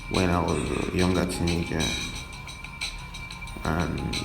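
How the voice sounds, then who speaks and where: Telling his own life story on his podcast, a young Nigerian man talks in a loose, slangy, reflective manner. His voice sits low and carries vocal fry.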